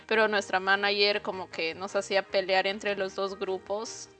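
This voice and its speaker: A young woman, a podcast guest, telling a personal work story in an animated, casual way, full of fillers and asides to her listeners. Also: medium pitch, normal speed, soft background music.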